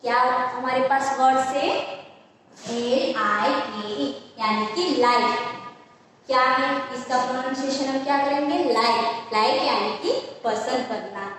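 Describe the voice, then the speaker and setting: A woman's voice: high voice, unhurried, a bit bright, slight background noise. Echoey Indian woman teacher spelling words. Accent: Indian English. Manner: spells letter by letter, asks and answers own questions. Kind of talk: vocabulary lesson, spelling words aloud. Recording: echoey room, far from the mic.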